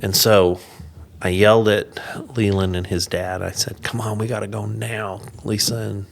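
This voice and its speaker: Low-voiced middle-aged man telling a story. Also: vocal fry, slight background noise. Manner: animated storyteller who drops quiet and slow when recounting loss. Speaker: podcast guest. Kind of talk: personal storytelling.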